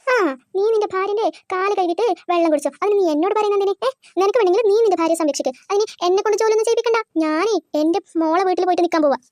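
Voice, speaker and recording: A shrill, very high cartoon voice of a nagging old mother-in-law, rattling off sarcastic complaints at a quick clip. The sound is dry and close. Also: a little mellow, no room sound. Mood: angry. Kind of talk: cartoon voice acting.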